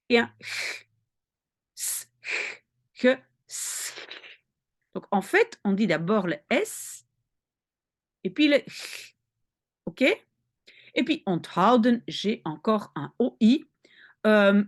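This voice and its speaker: Patient woman teacher, lively pitch, unhurried. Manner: patient, checks understanding with frequent "ok?". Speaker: Dutch language teacher. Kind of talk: explaining a dictation lesson.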